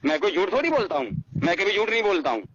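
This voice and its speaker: On a recorded phone call, a caller with a rural North Indian Hindi accent keeps pressing a personal complaint, repeating himself. His high, slightly bright voice swings widely in pitch, and he talks rapid-fire. The line is muffled, with hiss and clicks.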